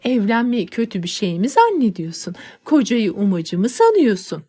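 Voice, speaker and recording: A woman's voice: medium pitch, big pitch swings, normal speed, dark tone, breathy edge. A fussy, motherly old nanny, as a woman reader plays her, exclaiming dramatically and then soothing her young charge in a storybook reading. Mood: fussing.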